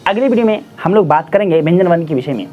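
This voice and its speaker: A teacher talks through a grammar lesson at a steady middle pitch, repeating definitions and asking questions aloud before answering them. The recording sounds dull and lo-fi, with faint music underneath. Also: very fast. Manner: patient, repeats each definition, asks and answers its own questions; addresses listeners as friends and children. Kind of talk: classroom-style grammar lesson.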